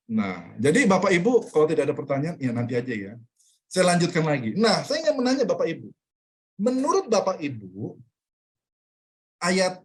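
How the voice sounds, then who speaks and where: A man teaching an online Bible study in a casual way, asking the group rhetorical questions and repeating key phrases, heard over a video call. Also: a little high.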